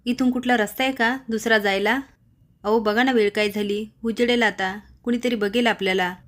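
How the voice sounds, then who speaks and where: A woman's voice: on the high side, steady tone, moderate pace, natural voice. A woman voicing a frightened young woman who keeps pleading with her companion. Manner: pleading, anxious.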